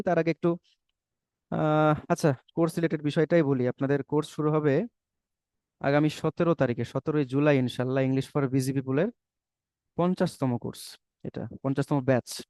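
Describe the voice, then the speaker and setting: A man's voice: a little high, darkish tone, no echo. Persuasive man teaching English. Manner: persuasive, rhetorical questions, mixes in English words. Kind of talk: webinar lecture.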